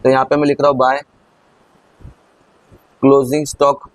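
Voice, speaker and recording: A man's voice: medium pitch, monotone, moderate pace, dry recording, poor audio. A man teaching an accounting lesson in a chatty way, talking straight to his students as he works through a problem. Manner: chatty, addresses students as kids. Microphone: recorded over on-screen writing.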